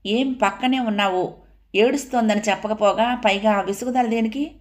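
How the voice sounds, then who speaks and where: A woman's voice: fairly high pitch, normal speed, voice pushed up, natural voice. A woman doing a blunt, outspoken young sister.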